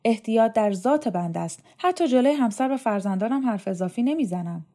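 A woman's voice: fairly high pitch, lively intonation, mellow, voice pushed up. A woman voicing a fawning, overly formal male dormitory head in an audiobook reading.

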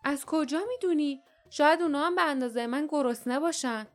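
A woman's voice: high-pitched, faint music behind, voice pushed up, close to an everyday voice. A woman voicing a hungry, nervous teenage boy in an audiobook, anxious and jumpy. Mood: worried.

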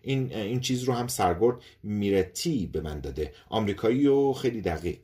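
A man's voice: lowish voice, expressive, mellow, lightly acted. A man voicing an eccentric male scientist who mutters to himself and talks with nervous cheer, in an audiobook story. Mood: nervously chatty.

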